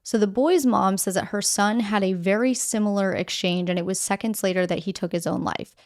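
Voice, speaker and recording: A woman hosts a news podcast with a plainspoken, conversational delivery. She sets out each story directly and walks through it step by step. Her voice sits in an ordinary middle pitch. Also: brisk.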